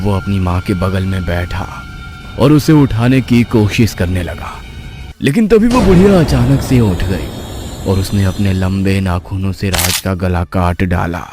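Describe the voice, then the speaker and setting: A man narrating an animated horror story in a hushed, suspenseful way. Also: lowish voice.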